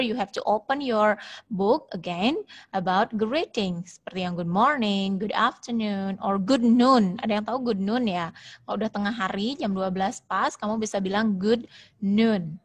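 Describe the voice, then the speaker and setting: An Indonesian-accented woman teaches an English lesson over a video call, with a middle-pitched voice. She explains at length, repeats herself, and slows down to model each phrase. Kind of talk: online class lesson, mixing Indonesian and English.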